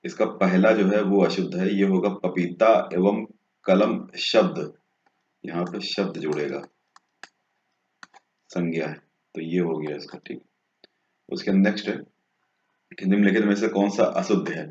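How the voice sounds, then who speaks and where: A man's voice: low voice, measured pace, pauses often, darkish tone. A man working through exam questions as a tutor, going step by step and often checking in with a short "okay". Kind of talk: exam answer walkthrough. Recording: dull, echoey room sound.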